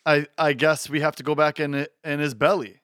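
Laid-back man with a slightly high voice. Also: fairly even intonation, fairly bright tone, dry recording, clean studio sound. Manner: joking, laid-back, quick asides. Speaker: podcast co-host. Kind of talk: casual podcast banter.

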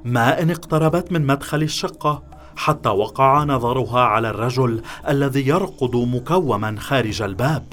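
A man's voice: medium pitch, normal speed, fairly bright tone, soft background music. Man narrating a thriller story.

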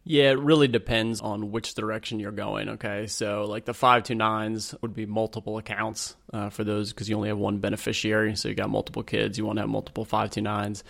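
Plain-spoken man with a gravelly edge. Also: lowish voice, level tone, brisk, few pauses, fairly bright tone. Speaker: podcast host and financial adviser. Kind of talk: scripted outro and disclaimer read; conversational financial explanation.

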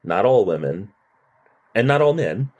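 A man's voice: lowish voice, big pitch swings, a little slow, darkish tone, slightly rough. A man co-hosting a podcast, chatting and picking apart a TV episode with lots of restarts and quoted dialogue. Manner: chatty, analytical, many restarts and quoted lines. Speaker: podcast co-host. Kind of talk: casual chat recapping a TV episode.

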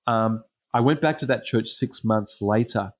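Low-voiced man preaching, halting storyteller. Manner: hesitant storytelling with frequent ums. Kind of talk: sermon with personal stories.

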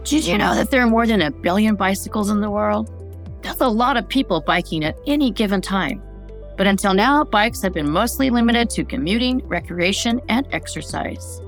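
A woman's voice: medium pitch, animated, moderate pace, faint music behind. A middle-aged woman hosting a podcast, reading a polished, upbeat intro and interviewing a guest. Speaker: podcast host.

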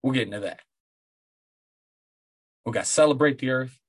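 Middle aged guy podcaster, husky smokers rasp, laid back and sweary, just rambling, dry sound. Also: mid-range voice, normal speed, dry recording. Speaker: podcast host. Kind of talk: casual rambling solo podcast talk.

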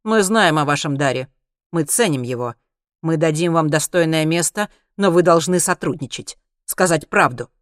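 Cold creepy scientist guy, man doing the voice, slow icy delivery, dry close sound. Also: fairly high pitch, lively intonation, no echo. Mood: menacing. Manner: slow, icy, measured, bursting into shouts. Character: cold, menacing male scientist interrogator. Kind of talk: audiobook character reading.

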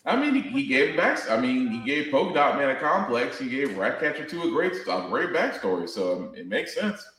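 A man's voice: mid-range voice, sing-song, moderate pace, few pauses, a bit bright. A man co-hosting a casual podcast chat in an easygoing, wry way. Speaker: podcast co-host. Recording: echoey room.

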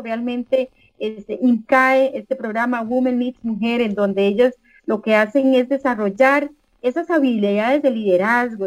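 A Costa Rican woman hosting a radio interview, full of effusive praise and pausing on the filler "este". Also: fairly high pitch, a little mellow, dry recording, poor audio. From Costa Rica. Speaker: radio host.

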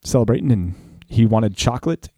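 A man's voice: mid-range voice, expressive, fairly quick, dark tone, no echo, studio quality. A man co-hosting a casual, conversational Bible discussion in a playful, bantering manner. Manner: playful, bantering, breaks into snatches of song. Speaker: podcast co-host teaching the Bible.

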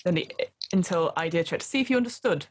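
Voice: medium pitch, animated, quick pace, a little hiss or hum. A game master running a tabletop role-playing game, giving casual instructions and narration to players.

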